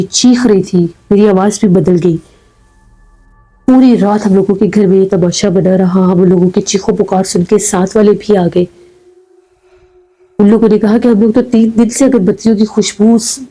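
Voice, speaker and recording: A woman telling a frightening first-person story in a calm, measured way, with dramatic pauses. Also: mid-range voice, low-quality recording. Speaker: horror story narrator.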